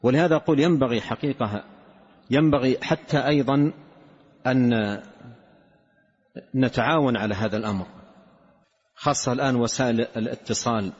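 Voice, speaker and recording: Husky preacher in a hollow hall. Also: male voice, medium pitch, normal speed, long pauses, darkish tone. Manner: earnest, tells a story and acts out quoted speech. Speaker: Islamic scholar. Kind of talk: sermon storytelling. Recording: dull, hollow hall recording.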